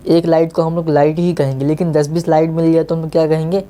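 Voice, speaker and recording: A man's voice: a little high, flat delivery, quick pace, warm tone. A male teacher gives a casual online maths lesson, coaxing his students and often checking that they have understood.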